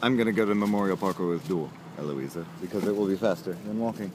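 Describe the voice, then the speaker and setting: A man's voice: deep voice, quick pace, noisy background. A man vlogging outdoors by a road, talking to the camera in a rambling, intense, self-deprecating way. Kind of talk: casual vlog talk to camera.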